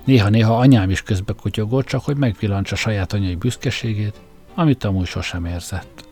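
Male audiobook narrator, wry first-person storytelling, low and warm. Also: faint music behind.

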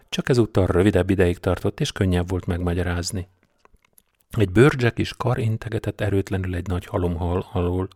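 In a low, slightly mellow voice, a man narrates an audiobook from a script. The recording is dry and clean, with studio sound.

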